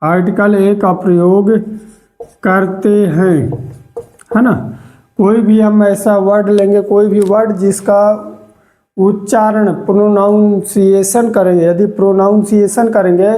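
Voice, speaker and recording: A teacher giving a grammar lesson, repeating key words slowly and checking in with the listener. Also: medium pitch, level tone, dark tone. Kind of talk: slow spoken grammar lesson.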